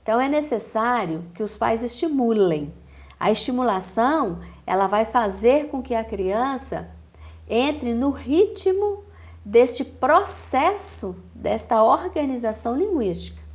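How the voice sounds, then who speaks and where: A woman with a Brazilian accent, a speech therapist giving a calm, didactic explanation in a TV interview, with measured pauses. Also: fairly high pitch. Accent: Brazilian Portuguese.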